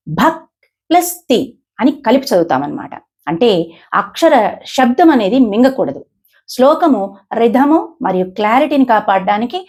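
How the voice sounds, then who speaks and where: A woman teaches how to pronounce shlokas, speaking deliberately and sounding out each example. Her voice is slightly husky and fairly high. Her pitch moves about a lot as she stresses the sounds. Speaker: advocate teaching shloka pronunciation. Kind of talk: explanatory lesson.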